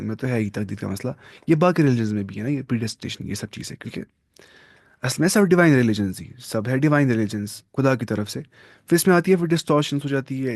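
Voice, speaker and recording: A man giving a religious lesson. He reads passages of text slowly, then explains them in a relaxed, conversational way and often checks in with his listeners through tag questions. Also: mid-range voice, no room sound, clean studio sound. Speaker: religious studies teacher.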